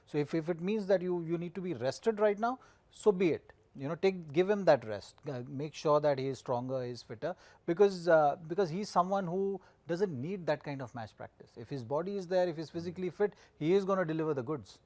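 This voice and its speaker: Man, mid-pitched, cricket pundit, halting repetitive phrasing, very dry studio sound. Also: a little mellow, no room sound. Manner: halting, repetitive phrasing with frequent "you know". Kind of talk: studio match analysis.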